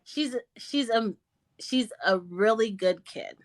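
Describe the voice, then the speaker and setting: A woman in casual chat, telling animated stories about her children and acting out their voices. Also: a little high, slow pace, no echo. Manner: animated storyteller, acts out her kids with squeals.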